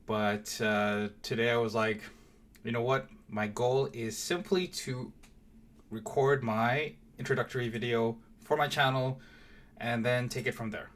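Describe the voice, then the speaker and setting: A man's voice: mid-range voice, steady tone, measured pace, a bit bright. A young man from Mauritius giving a casual, hesitant channel introduction, full of fillers and restarts. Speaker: vlogger. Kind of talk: casual direct-to-camera intro.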